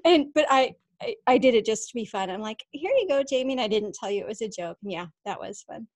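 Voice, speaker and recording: A woman's voice: mid-range voice, fast. A middle-aged woman hosting a faith podcast in casual chat, upbeat and encouraging, laughing often. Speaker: podcast host.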